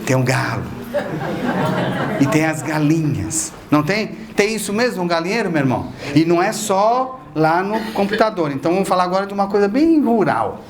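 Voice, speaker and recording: A man's voice: high voice, animated, fairly quick. Guy giving a spiritist talk, chatty, keeps asking the crowd stuff, voice jumps up and down a lot. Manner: conversational, asks the audience questions. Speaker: spiritist lecturer. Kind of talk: spiritual lecture. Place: lecture hall of a spiritist association.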